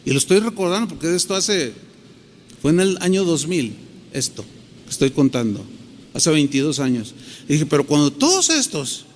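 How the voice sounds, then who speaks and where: A man's voice: a little high, sing-song, moderate pace, in a large hall, slight background noise. A middle-aged man preaching a sermon, acting out quoted dialogue as he tells a story. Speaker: pastor.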